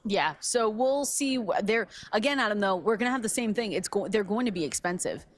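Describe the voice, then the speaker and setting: A woman co-hosting a fantasy football radio show, talking in an easygoing, animated way. Her pitch sits in a middle range, and she likes to needle her co-host. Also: a little fast. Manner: animated, chatty, teasing. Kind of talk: casual sports radio chat.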